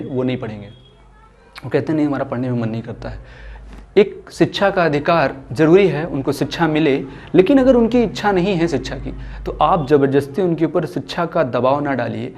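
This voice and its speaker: A man's voice: on the high side, darkish tone. A young man speaking for a foundation in an earnest social-cause talk, mixing English phrases into his speech and often restarting sentences.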